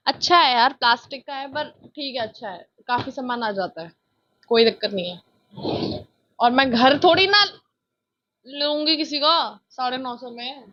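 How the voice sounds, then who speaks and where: A young woman from India with a childlike voice, chatting loudly and excitably through a casual vlog, filmed on a phone on a tripod. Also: high-pitched, a little slow, muffled recording. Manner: chatty, self-mocking, loud and excitable. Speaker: vlogger.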